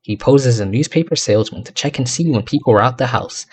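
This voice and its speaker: A man's voice: mid-range voice, fast talker, breathy edge, lightly acted. A man voicing an earnest young male defense lawyer in a courtroom game, polite and upbeat.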